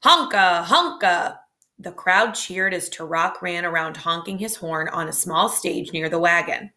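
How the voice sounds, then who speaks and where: A woman reading a children's chapter book aloud, with lively, light character voices. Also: fairly low pitch, normal speed. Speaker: storybook reader.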